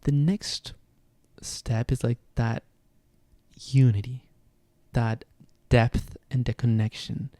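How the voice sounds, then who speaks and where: On his casual solo astrology podcast, a man with a Venezuelan Spanish accent, a native speaker, reflects and often searches for words. His mid-range voice is mellow and steady, he takes things slowly, and there's no echo.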